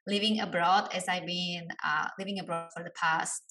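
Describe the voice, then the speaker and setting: A woman's voice: on the low side, steady tone, moderate pace, sharp tone, poor audio. A woman from Slovakia, a studio founder, answering interview questions in a friendly way. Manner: friendly, laughs easily. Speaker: podcast guest, brand studio founder.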